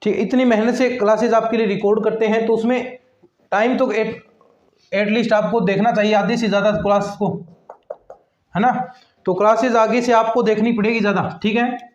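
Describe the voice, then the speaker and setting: A man's voice: high-pitched, steady tone, moderate pace. A man teaching a maths class online, talking to his students in a chatty, repetitive way as he works at a board. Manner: chatty and repetitive, addresses students as friends and lectures them about attendance. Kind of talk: online exam-prep lecture. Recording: echoey room, slightly dull sound.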